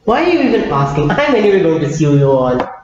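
A man's voice: fairly high pitch, big pitch swings, fast talker. A young man playing an impatient, complaining customer in a role-play. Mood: irritated. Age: young adult. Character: irate young male customer threatening to sue. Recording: very echoey hall-like room, dull, faint noise.

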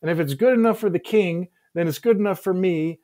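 A middle-aged man with a high-pitched, warm voice answers interview questions as a guest historian over a video call. He speaks in a measured, thoughtful way, restarting often, using a headset mic in his home office.

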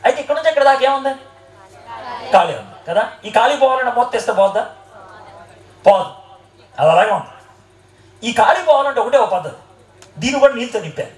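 A man with a very high voice preaches a sermon to a live audience. He quizzes his listeners and jokes with them as he teaches. His voice rings around a roomy hall. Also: animated, brisk, pauses often.

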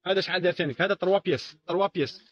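Rapid high-voiced Algerian salesman. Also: a bit bright, husky. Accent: Algerian Arabic. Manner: repetitive, insistent pitching with frequent exclamations. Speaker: shop salesman. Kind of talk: product showcase sales patter. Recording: dull lo-fi recording.

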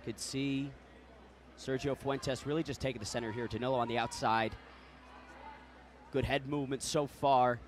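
A man's voice: mid-range voice, steady tone, normal speed, pauses often. A man doing live play-by-play commentary on a fight.

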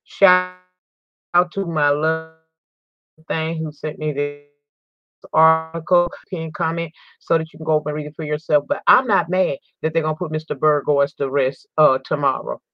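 At a moderate pace and with fairly even intonation, this deep-voiced woman reads an article on her crime news channel, stumbling and restarting at times. Her commentary is emphatic and indignant, with repeated words for stress, captured in a dry, dull lo-fi recording.

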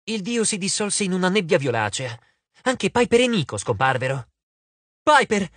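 A man narrating an audiobook with expressive storytelling. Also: high voice, moderate pace, no room sound.

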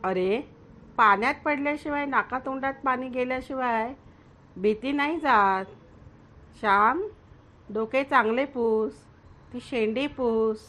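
A woman's voice: sits high, unhurried, pauses often, fairly bright tone. A woman voicing a stern, scolding village mother in a storybook reading, her tone commanding. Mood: firm.

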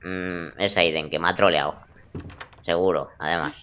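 A man's voice: low voice, steady tone, moderate pace, lo-fi sound, a little hiss or hum. A young man giving joking, crude gameplay commentary in a teasing, playful way. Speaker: let's play gamer.

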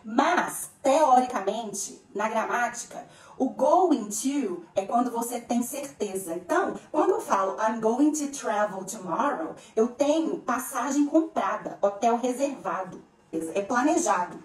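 A woman teaching English grammar to Portuguese speakers, lively, slowing down to spell out each English example. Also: on the high side, distant mic. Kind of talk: explaining grammar to camera. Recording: echoey room, a bit off-mic.

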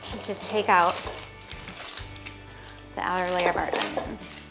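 A woman in her thirties, a guest cook calmly explaining each recipe step in a studio kitchen. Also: on the low side, unhurried. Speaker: cooking show guest chef. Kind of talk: recipe demonstration. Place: home-style studio kitchen. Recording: studio kitchen with background music.

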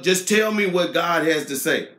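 A man's voice: a little high, normal speed, pushed and bright, echoey room. A man voicing an exasperated biblical king who nags a prophet like a scolding parent.

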